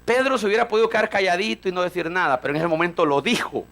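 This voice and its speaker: A man preaching a fiery sermon, rising to shouts and acting out dialogue between characters. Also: high-pitched, rapid-fire, vocal fry. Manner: fiery, rising to shouts, acts out voices of Peter and God.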